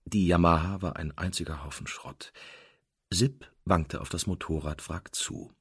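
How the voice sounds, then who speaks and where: A man narrating a novel in an expressive storytelling manner. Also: low-pitched, unhurried, breathy edge, no room sound, studio quality. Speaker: audiobook narrator. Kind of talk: scripted narration.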